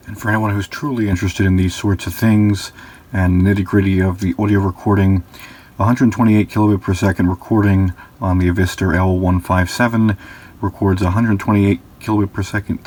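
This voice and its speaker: A man reviewing a voice recorder, walking through its technical specs in a detailed, mildly exasperated way. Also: lowish voice. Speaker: gadget reviewer. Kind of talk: product review with audio tests.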